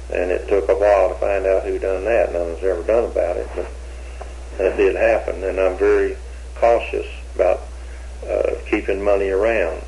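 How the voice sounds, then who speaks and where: A man's voice: deep voice, creaky, darkish tone, poor audio. Hesitant older man on old interrogation tape. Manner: hesitant, rambling, with many restarts. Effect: old interrogation tape recording.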